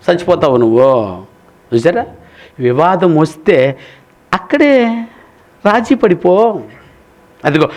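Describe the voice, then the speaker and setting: A high-pitched male pastor preaches with lively energy. He swings between fast, pointed rhetorical questions and slower, emphatic warnings. He addresses the congregation in a familiar, fatherly way. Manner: animated, rhetorical questions, addresses listeners as "nayana". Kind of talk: sermon.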